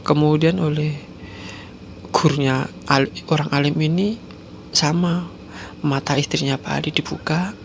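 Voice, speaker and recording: A man's voice: on the high side, fairly even intonation, measured pace, gravelly, long pauses, a little hiss or hum. A man telling a horror story and talking directly to his listeners, often dropping to a whisper. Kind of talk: spoken horror story narration.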